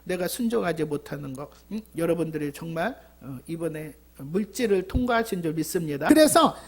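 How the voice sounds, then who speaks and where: A woman's voice: sits low, lively intonation, a little fast, husky. A woman pastor preaching a sermon in a church, repeating key words and asking the congregation rhetorical questions.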